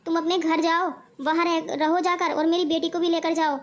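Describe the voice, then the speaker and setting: A woman's voice: very high-pitched, flat delivery, normal speed. A woman voicing a scolding, preachy middle-aged mother in a cartoon. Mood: lecturing. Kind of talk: cartoon voice acting.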